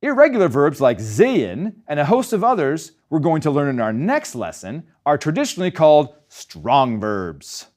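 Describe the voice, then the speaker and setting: Lively-pitched man teaching German grammar. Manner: explains grammar step by step, slowing to pronounce German example words. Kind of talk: scripted language lesson narration.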